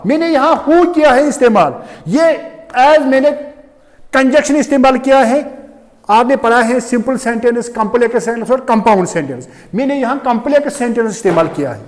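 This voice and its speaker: High-pitched man teaching in an echoey classroom. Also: animated, moderate pace. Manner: repeats "do you understand?" often, explains step by step. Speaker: English teacher. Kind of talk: classroom lecture.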